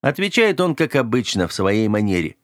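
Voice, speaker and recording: A pleasant, self-assured young man with a chilling edge, as a male reader puts him on, read a little higher than the reader's own voice. He moves between light banter and cold, measured calm. The sound is close and dry. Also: no room sound. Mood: breezy. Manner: cheerful, then cold and clipped. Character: genial but menacing young man, calmly dominant. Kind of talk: audiobook character voice.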